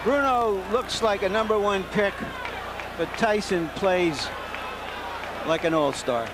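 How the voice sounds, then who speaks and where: A man's voice: sits high, slow. A man giving wry, analytical colour commentary on boxing from ringside. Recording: noisy broadcast over loud arena crowd.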